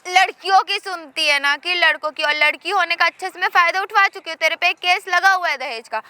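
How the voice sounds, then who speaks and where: A woman's voice: very high-pitched, brisk, pushed and bright, no echo. A woman playing a domineering young wife who taunts and orders her husband about, in a staged street skit. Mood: taunting. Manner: taunting, commanding.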